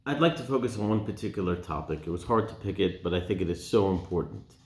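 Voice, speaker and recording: A man's voice: animated, fast talker, darkish tone. A man teaching the weekly Torah portion in an earnest tone, posing rhetorical questions and dropping his voice on key points. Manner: earnest, asks rhetorical questions, drops low on key words. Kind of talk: Torah talk to camera. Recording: echoey room.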